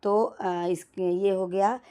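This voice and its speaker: A woman's voice: mid-range voice, flat delivery, extremely slow, mellow, clear, resonant tone. A woman teaching exam-prep grammar from handwritten notes, explaining step by step and sounding out each vowel, with a conversational delivery. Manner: frequent fillers and restarts, conversational.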